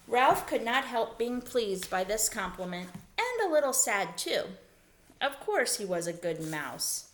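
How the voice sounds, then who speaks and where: A woman teacher reading a children's chapter book aloud to young students, with a lively voice that rises and falls a good deal. She pauses the story to explain words in a patient, explanatory way. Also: a little high, a little hiss or hum. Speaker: elementary school teacher.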